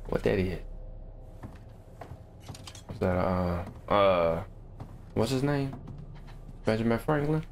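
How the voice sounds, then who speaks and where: Here the streamer's pitch sits fairly low and his pace is slow, broken by long pauses, with slight background noise behind him. He's a young man at a home gaming rig with a webcam, riffing through a let's-play in a slangy, profane, excitable way.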